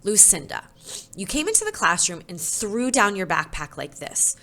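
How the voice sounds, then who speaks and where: Gentle storybook teacher, as a woman reads her. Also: mid-range voice, moderate pace. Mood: soothing. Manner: gentle, calm. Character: kind, soothing female teacher in a children's story. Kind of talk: storybook read-aloud.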